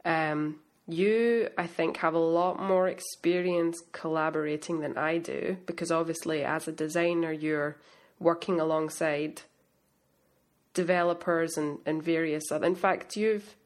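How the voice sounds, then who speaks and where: A woman's voice: low-pitched, steady tone, unhurried. A woman co-hosting a casual podcast while sick, chatty and self-deprecating. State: sick, under the weather. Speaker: podcast co-host. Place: home in Scotland.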